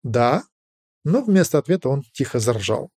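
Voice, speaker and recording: Expressive male audiobook narrator, very varied intonation. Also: on the high side, moderate pace, no room sound, clean studio sound. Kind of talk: scripted fiction narration.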